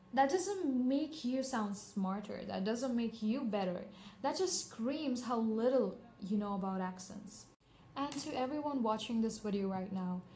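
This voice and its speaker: A woman's voice: fairly high pitch, darkish tone. A woman vlogger talking earnestly and conversationally to the camera, encouraging her viewers. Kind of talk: reflective monologue to camera. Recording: echoey room with faint background noise.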